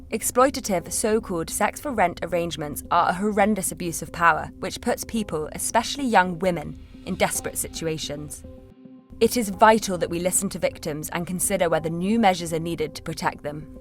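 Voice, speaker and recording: A woman's voice: fairly low pitch, brisk, faint music behind. A woman reading scripted news narration.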